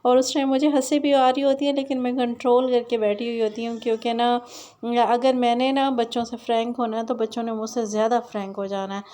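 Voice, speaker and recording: Brief: young woman, home vlogger, rambling chatty voice-over, fairly high and quite level in pitch. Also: level tone, brisk, dark tone. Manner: chatty, rambling, many "na" fillers and restarts. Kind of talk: casual voice-over narration of a home vlog.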